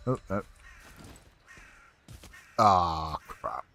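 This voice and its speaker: A man chats casually and ramblingly while streaming a game, swearing a lot and filling pauses with ums and likes. His low voice is expressive, bright and forceful, and he draws his words out.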